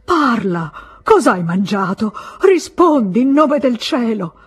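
A woman's voice: medium pitch, big pitch swings, drawn-out words, dark tone, husky, no room sound, full character voice. A woman voicing a frantic, tender husband in pleading, panicked outbursts.

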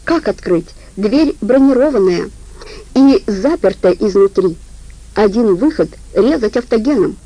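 A grim armed guard, as a woman reader puts him on, reporting in short, flat bursts. The voice is dark and slightly raised in loudness. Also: medium pitch, unhurried, low-quality recording. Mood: terse reporting. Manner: terse, matter-of-fact.

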